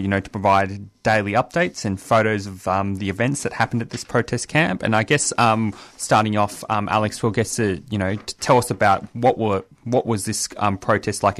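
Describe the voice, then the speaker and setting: Male AM radio co-host, low dry voice, hesitant and roundabout interviewing. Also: a bit bright, dry recording. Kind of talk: live AM radio interview hosting.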